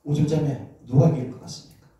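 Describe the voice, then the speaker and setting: A man's voice: fairly high pitch, steady tone, fast talker, dark tone. A middle-aged male pastor preaching a sermon, joking with the congregation and asking them questions. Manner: humorous, asks the congregation questions. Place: church sanctuary. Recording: very echoey hall, distant mic.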